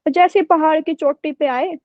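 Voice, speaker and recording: Woman teacher, high voice, chatty storytelling, dry dull lo-fi sound. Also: moderate pace, dry recording. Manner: chatty, keeps checking with "okay?". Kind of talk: storytelling in an online class.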